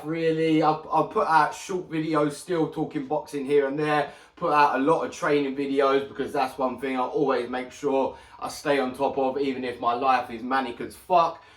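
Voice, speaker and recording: A man's voice: fairly high pitch, far from the mic. Man, slight lisp, echoey room. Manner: chatty, swears freely, animated. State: sore mouth with a slight lisp. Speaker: boxing channel host. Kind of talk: casual solo podcast talk. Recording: echoey room, mic set back.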